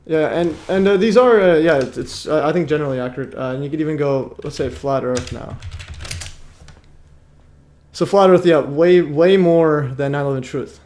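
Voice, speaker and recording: A man's voice: a little high, normal speed, darkish tone, a little hiss or hum. Tired, rambling livestream host man. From Iraq. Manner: rambling, many fillers and restarts. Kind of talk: casual livestream chat.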